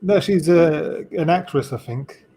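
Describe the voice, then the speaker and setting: A man's voice: fairly high pitch, unhurried, warm tone, a little hiss or hum. A man co-hosting a film review, mostly answering with short agreeing replies. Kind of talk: casual chat.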